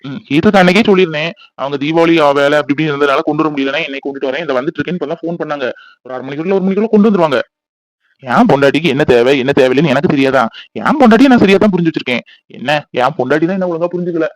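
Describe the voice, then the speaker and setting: A man voicing a quick, teasing cartoon husband. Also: fairly high pitch, dry recording, natural voice, low-quality recording. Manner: playful, teasing, baby talk to the child. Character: teasing young husband and doting father.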